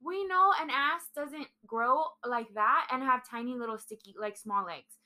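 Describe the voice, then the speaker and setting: A woman's voice: high-pitched, moderate pace, pushed and bright. A young woman co-hosting a casual chat, blunt and opinionated, swearing freely. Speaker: podcast co-host.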